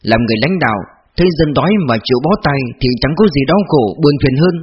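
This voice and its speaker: A man's voice: fairly high pitch, expressive, fast talker, dull audio, background noise, lightly acted. A man voicing an older male provincial leader in an audiobook, speaking earnestly and reflectively.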